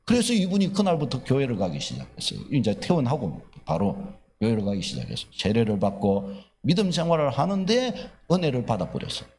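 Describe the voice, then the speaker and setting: A male pastor preaching a sermon, telling a story and acting out its characters with animation. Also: medium pitch. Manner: animated, acts out dialogue.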